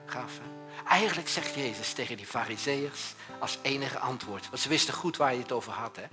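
A man preaching a sermon as pastor, in a conversational way, swinging between loud urgent bursts and quiet, low passages. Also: a little fast, over music. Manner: conversational preaching, often tags on a questioning "hè?".

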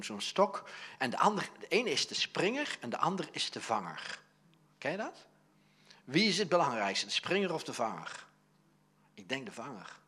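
Older man, Dutch accent, husky voice, lively pitch, casual sermon with restarts. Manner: chatty, halting with many restarts, acts out anecdotes. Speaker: preacher. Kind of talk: conversational sermon.

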